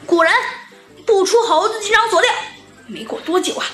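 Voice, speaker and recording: A woman narrating a children's audio story in a lively, chatty way. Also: extremely high pitch, moderate pace. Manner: lively, chatty with filler particles. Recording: echoey room with background music.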